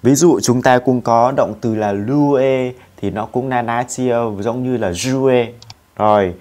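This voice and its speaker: A man gives an online French lesson at an unhurried, deliberate pace. He is patient and methodical, spelling out letters one by one and repeating conjugations aloud for his students. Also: medium pitch, darkish tone. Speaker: French teacher.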